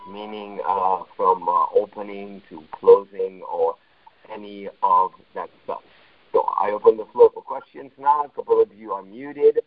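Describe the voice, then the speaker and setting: Delivering a forceful, motivational teaching monologue, a male coach speaks bluntly on a conference call in a lowish voice. There's no echo, but the sound is muffled, as if coming over a phone through a wall.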